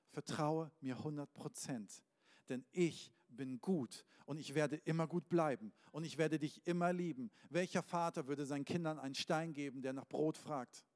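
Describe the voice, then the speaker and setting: A man's voice: fairly high pitch, normal speed, a little mellow. Male preacher: earnest, direct, storytelling, in a reverberant church hall. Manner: earnest, direct address to the listener. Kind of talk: sermon with storytelling. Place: large church hall with a live band. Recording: long hall reverb, faint band music.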